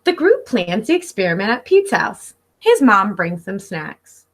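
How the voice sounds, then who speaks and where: An elementary school teacher in her thirties reads a picture book aloud at home in her living room, addressing young listeners directly in an expressive, instructive way. Her mid-range voice swings widely in pitch, and she's unhurried.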